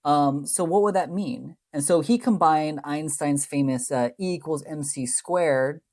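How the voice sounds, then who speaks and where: Unhurried and a little mellow, a man with a voice on the high side lectures on chemistry in a recording. He talks through slides in a rambling way, keeps checking in with tag questions, revises sentences mid-stream, and makes light of the math.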